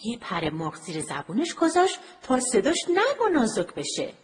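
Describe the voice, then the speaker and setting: Lively woman telling a children's story. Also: fairly high pitch. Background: music.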